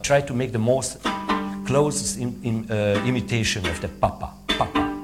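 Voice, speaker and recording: A man coaching string players in rehearsal, halting with fillers, switching between English and French and vocalizing sounds to demonstrate. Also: mid-range voice, loud music behind the voice. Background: string instruments playing.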